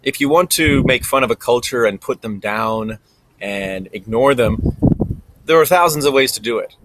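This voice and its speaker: A man records himself talking straight into a camera, thinking out loud in an easy, conversational way. His voice sits at an ordinary middle pitch, and he pads his thoughts with ums and uhs as he goes. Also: normal speed, background noise. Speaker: vlogger. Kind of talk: reflective monologue to camera. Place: recording alone in front of a camera.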